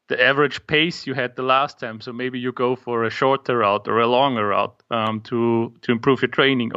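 A man's voice: medium pitch, lo-fi sound. A young man with an Austrian accent, a native German speaker, hesitantly describing his app in an interview over a call from his home office. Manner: hesitant, many ums. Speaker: guest, app maker. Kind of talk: casual interview. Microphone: remote call.

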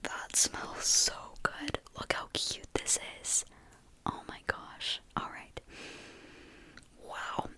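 A young woman whispering softly in a chatty ASMR snack-tasting video, with eating sounds between her words. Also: slow. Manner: chatty, says like and you know often.

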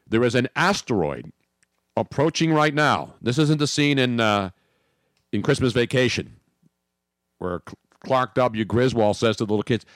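Male sports radio host, brash and joking, lively swings in pitch, dry close studio sound. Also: no echo. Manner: brash, joking, animated rants. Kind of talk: casual sports radio banter.

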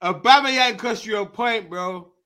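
A London man with a fairly high, bright, forceful voice hosts a casual football fan chat. He talks in slangy, matey banter and needles his guests like one of the lads. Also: measured pace, a little hiss or hum. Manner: slangy, matey, needling, calling people bro. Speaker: football fan talk show host.

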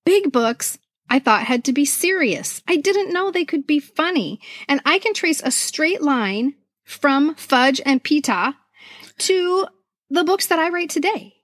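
With a high-pitched, animated, slightly bright voice at a measured pace, a middle-aged American woman co-hosting a podcast reminisces casually and expressively about her childhood. She's also a children's author, and the studio recording is clean and echo-free.

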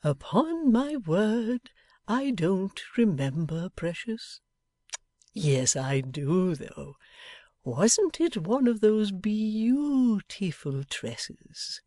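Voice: mid-range voice, sing-song, drawn-out words, warm tone, no room sound, clean studio sound, pitched above the performer's own voice. A reader voicing a mild, fond middle-aged father who speaks tenderly to his daughter. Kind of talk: audiobook character voice.

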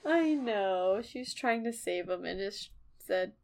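A woman's voice: medium pitch, animated, measured pace, gravelly, darkish tone. A young woman co-hosting a podcast, casually retelling a story and acting out the characters' lines. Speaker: podcast co-host.

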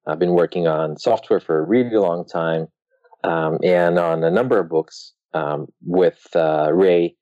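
A man guest on a podcast, talking casually and hesitantly with many pauses. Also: low-pitched, fairly even intonation, no room sound, highs cut off. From Europe. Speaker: guest author.

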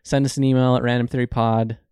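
A man co-hosts a casual podcast, relaxed and easy to agree. His voice sits at a middle pitch on a dry, close mic. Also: fast talker, clear, resonant tone, dry recording. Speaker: podcast co-host. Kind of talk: casual chat.

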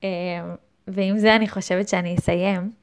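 A woman's voice: mid-range voice, steady tone, clear, resonant tone. A woman hosting her own podcast, speaking in a thoughtful, hesitant monologue with frequent restarts. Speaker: podcast host. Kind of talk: reflective solo monologue.

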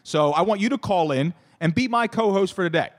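A man in his thirties with a hoarse, shot voice, hosting a casual show solo in a halting, jokey, self-correcting way. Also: sits high, lively intonation. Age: 30s. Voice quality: hoarse, worn-out voice. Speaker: solo host of a fantasy football show.

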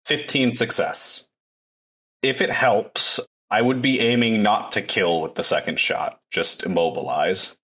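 A man's voice: lowish voice, fairly even intonation, a little slow, pushed and bright, husky. A man playing a tabletop game, stating his actions in a terse, matter-of-fact way. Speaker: player. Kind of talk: casual tabletop play.

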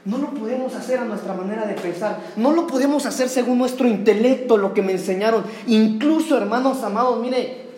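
A man's voice: extremely high pitch, a little fast, a little mellow. A man preaching a fervent sermon in a church, calling his listeners "brother" again and again. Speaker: pastor. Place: church sanctuary. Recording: roomy church echo.

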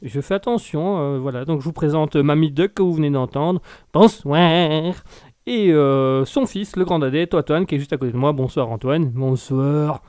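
A man hosting a live stream, joking and mocking himself in casual chat. He is a little ill and keeps clearing his throat. His voice sits on the high side and sounds dry and close. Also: fairly quick, few pauses, dark tone, no echo.

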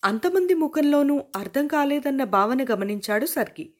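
A woman narrating a novel as an audiobook, telling the story in a lively way. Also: sits high, normal speed.

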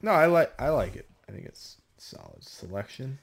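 A man's voice: medium pitch, very animated, moderate pace, creaky, husky. A man co-hosting a casual football mock draft chat, teasing and giving laid-back analysis.

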